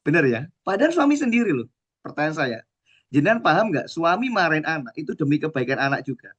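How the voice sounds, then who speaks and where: A man's voice: on the high side, quick pace, muffled recording. A man, preaching a sermon and telling stories that he acts out, asking the audience questions as he goes. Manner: lively storytelling preacher who acts out quotes and asks the audience questions. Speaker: Islamic preacher.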